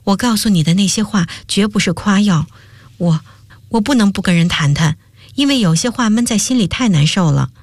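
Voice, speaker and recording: A woman's voice: mid-range voice, animated, a little fast, no echo. A woman reading a radio story, voicing an earnest young male student who speaks hesitantly.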